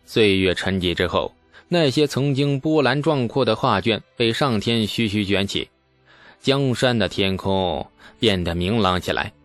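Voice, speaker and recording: A man narrating a historical novel as an audiobook in a steady storytelling manner. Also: lowish voice, no echo. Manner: steady storytelling with asides to listeners.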